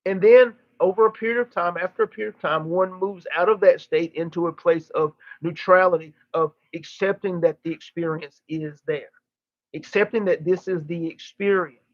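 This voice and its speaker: A man speaking as a channeling medium, giving spiritual teaching in emphatic, formal phrases broken by deliberate pauses and repetition. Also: high voice, fairly even intonation, dry recording, muffled recording. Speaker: channeler giving a live session.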